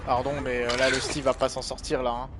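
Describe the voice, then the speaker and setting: A man streaming a video game, commenting live as he plays, talking to himself in an animated way and tagging his lines with "hein". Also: medium pitch, fairly quick. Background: game music.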